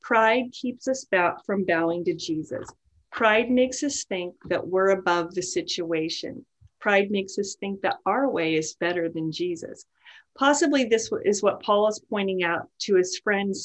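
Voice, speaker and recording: A woman's voice: mid-range voice, measured pace. A woman giving an informal devotional talk to a women's group, earnest and chatty, with many "you know" asides. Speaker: women's Bible study teacher.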